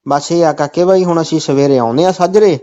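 Here a Punjabi-accented man, his voice fairly high and dark in tone, places a comic phone call at a slightly quick clip. He won't let up, repeatedly reaching for familiar stock lines, and the recording comes across dull and lo-fi.

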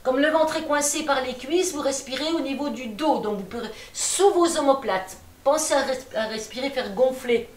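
High-voiced woman coaching a gentle workout. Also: moderate pace, few pauses. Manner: calm, encouraging, folksy. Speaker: gentle gym instructor. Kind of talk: guiding a seated exercise class. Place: attic room at home, indoors. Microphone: far camera. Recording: echoey room from far off.

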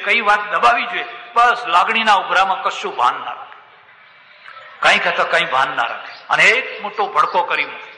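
Animated preacher man in an echoey hall. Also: high voice. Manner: lively, animated retelling that acts out the voices. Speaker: swami, preacher. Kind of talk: sermon storytelling. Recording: echoey hall with long reverb.

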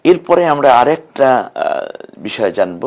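A man's voice: medium pitch, sing-song, measured pace, darkish tone. Patient male Quran recitation teacher. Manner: patient explaining, breaks into chanted recitation of verses. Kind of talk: online tajweed lesson.

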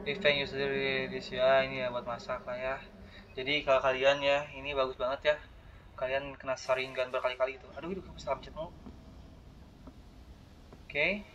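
A man's voice: medium pitch, flat delivery, a little fast, pauses often, a bit bright. A young man, chatting to viewers while playing a horror game and letting out sudden startled exclamations. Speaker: gaming channel host. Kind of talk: horror game let's play commentary. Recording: dull lo-fi audio with faint hiss.

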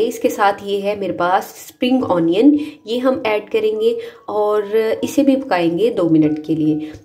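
A woman hosting a cooking channel, narrating a recipe step by step. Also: medium pitch. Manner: steady instructional narration. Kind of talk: recipe voice-over.

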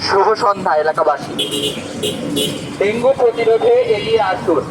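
A Bangladeshi man delivers a scripted public health announcement through a megaphone. His voice sits high for a man. The recording is noisy, as if made out on the street. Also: normal speed. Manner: addressing residents through a megaphone. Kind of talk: read-out public service announcement.

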